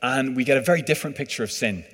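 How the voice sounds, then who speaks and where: A man's voice: medium pitch, racing, a bit bright, slightly rough. A man preaching a sermon in a conversational, hesitant way, full of fillers. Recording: reverberant hall.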